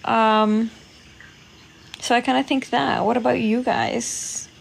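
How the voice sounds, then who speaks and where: On a poor recording with a little hiss or hum, a Polish livestream host chats casually with viewers, reading their comments, thanking them and often laughing. Her voice is on the high side, slow, steady in tone and creaky.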